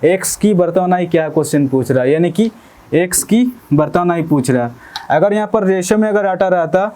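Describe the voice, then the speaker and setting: A male maths teacher with a fairly high-pitched voice. His tone is soft and dark rather than bright. He works through exam problems step by step, repeating phrases and checking in with students again and again. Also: lively intonation, a little fast. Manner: explains step by step, repeats phrases, asks "ठीक है?" often. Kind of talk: exam-prep maths lesson.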